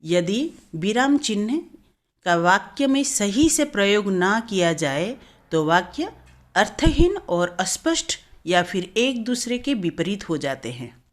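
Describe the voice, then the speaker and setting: A woman's voice: medium pitch, very animated, takes it slowly. A woman teaching a Hindi grammar lesson, explaining step by step and often correcting herself.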